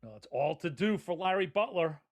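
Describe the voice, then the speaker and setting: Higher-pitched man commentating on darts. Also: animated, a little fast. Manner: conversational, folksy turns of phrase. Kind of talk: live sports commentary.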